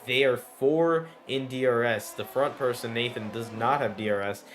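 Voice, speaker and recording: A man's voice: mid-range voice, fairly even intonation, normal speed, a bit bright. A man giving live motorsport commentary on an online race, following the action in short running phrases. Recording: clearly noisy background.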